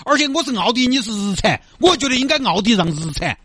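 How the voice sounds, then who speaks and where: A man's voice: very high voice, sing-song, quick pace, fairly bright tone, breathy edge, no room sound, faint music behind, full character voice. A man playing a pushy, chummy wealthy driver who insists on taking the blame and keeps calling the other man brother. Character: brash wealthy male Audi driver, pushy and generous. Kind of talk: comedy skit.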